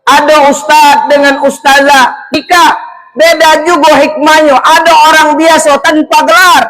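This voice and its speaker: A man's voice: extremely high pitch, flat delivery, measured pace, bright, forceful tone, rough recording. A man giving a humorous wedding sermon, chatty and speaking straight to the couple. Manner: jokey, chatty, addresses the couple directly. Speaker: preacher at a wedding.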